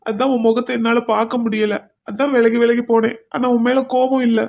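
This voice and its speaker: A man voicing a remorseful young man in a cartoon, softly pleading with his beloved for forgiveness. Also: very high-pitched, level tone, brisk, gravelly, lo-fi sound. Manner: soft, pleading, repeats "baby". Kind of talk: cartoon voice acting.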